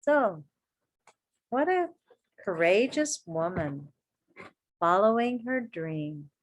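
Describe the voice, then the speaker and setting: A woman whose voice sits a little high reads a kids' story in the style of an elementary school teacher. Her delivery is lively and encouraging, with purposeful emphasis and little remarks aimed at the young audience.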